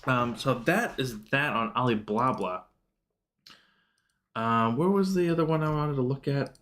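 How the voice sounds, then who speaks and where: A man's voice: mid-range voice, animated, unhurried, a bit bright. A man hosting a stock market livestream, walking through charts in a loose, rambling way with many fillers and restarts. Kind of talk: casual market commentary over charts.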